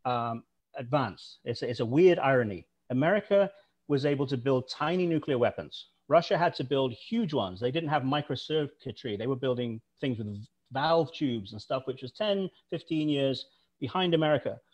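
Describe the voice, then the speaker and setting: A man's voice: medium pitch, animated, moderate pace, darkish tone. A man speaking as a guest on a video call, telling history anecdotes in an enthusiastic, storytelling way. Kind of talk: storytelling talk.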